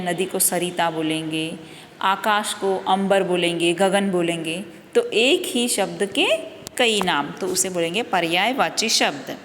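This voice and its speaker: A woman's voice: mid-range voice, fairly bright tone, in a large hall, a little hiss or hum. A woman teacher patiently explaining a worksheet to young children, asking questions and answering them herself, often checking in with "okay".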